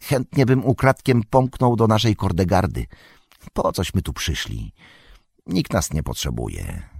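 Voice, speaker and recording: A man's voice: sits low, animated, a little slow, creaky, a little mellow, husky, dry recording, clean studio sound, full character voice. A man voicing a restless, glum young male hobbit in an audiobook, muttering and grumbling.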